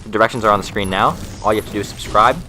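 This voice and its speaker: This gaming YouTuber talks very fast in a lowish, bright, forceful voice, stuffy-nosed from a cold. His tutorial voice-over is loose, packed with fillers and restarts, and a little hiss or hum sits under the recording.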